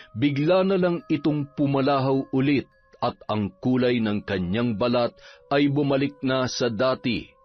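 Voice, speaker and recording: A man narrating a horror story in a dramatic, expressive reading style. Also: mid-range voice. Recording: dull, muffled recording.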